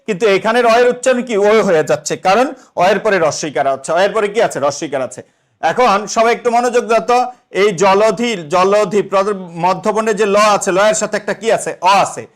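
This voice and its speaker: A young man teaching an exam-prep lesson, asking the students questions and then answering them himself. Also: sits high.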